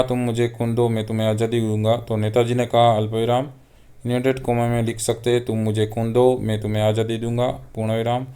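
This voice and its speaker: A man's voice: medium pitch, clear, resonant tone. A young man, patiently explaining homework answers one item at a time as a teacher. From Gujarat. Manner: steady, patient, reads items aloud one by one.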